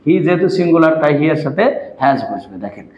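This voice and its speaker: A man's voice: on the high side, lively intonation, fast talker. A man teaching a language lesson, repeating each point and asking the viewer questions. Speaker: English teacher. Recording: echoey room, dull lo-fi sound.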